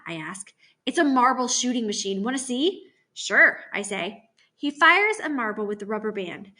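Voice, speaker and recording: Woman teacher, storybook read-aloud, bright tone, fairly high, expressive. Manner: expressive, voices the dialogue. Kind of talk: reading a novel aloud.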